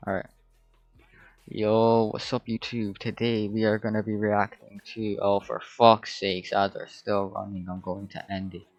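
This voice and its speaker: Swearing, low-voiced man hosting a reaction video. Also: level tone, measured pace, lo-fi sound. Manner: loose, swears a lot, mutters to himself. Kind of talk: casual reaction commentary. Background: music from the video being played.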